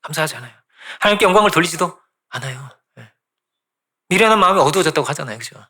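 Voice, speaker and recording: A man's voice: on the high side, lively intonation, fast, pushed and bright. A male pastor giving a conversational sermon, often asking the congregation "right?" and repeating phrases for emphasis.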